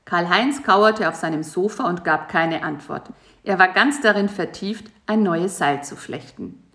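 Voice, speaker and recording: A woman narrating a children's storybook in a calm, even reading voice. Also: fairly low pitch, measured pace. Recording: echoey room.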